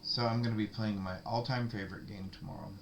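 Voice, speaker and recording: A man with a low voice chats casually in an easygoing, rambling way. A faint hiss of room noise sits behind him. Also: fairly even intonation, quick pace, gravelly. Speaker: streamer's partner. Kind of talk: casual chat.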